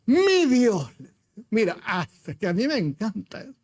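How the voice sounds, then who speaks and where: A man's voice: sits high, lively intonation, a little fast, no echo, clean studio sound. A man preaching a sermon as pastor, retelling a story with emphasis and rhetorical questions to his congregation.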